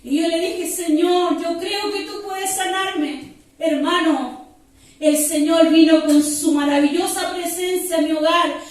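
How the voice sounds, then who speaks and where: High-voiced woman preaching in an echoey room. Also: steady tone, unhurried, distant mic. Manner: fervent, repeatedly addresses listeners as "hermano". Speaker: preacher giving testimony. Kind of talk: sermon testimony. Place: home house-church service.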